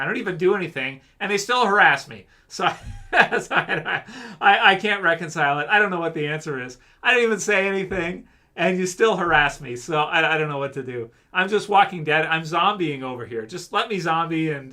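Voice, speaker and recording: Answering his chat between jokes, a Canadian livestream host rambles in a relaxed, casual way. His pitch is on the high side, his pace a little fast, and his tone sharp.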